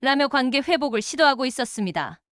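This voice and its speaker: A woman narrating a dramatic family story in a steady scripted storytelling voice, reading every part herself. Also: high-pitched, fast talker, no room sound, studio quality. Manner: reads all parts in one steady voice.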